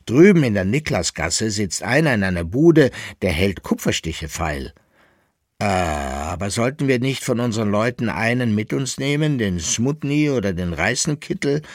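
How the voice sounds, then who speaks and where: Guy playing a naive chatty servant, lively and husky, dry close recording. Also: lowish voice, no echo, voice pushed up. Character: simple, superstitious male servant.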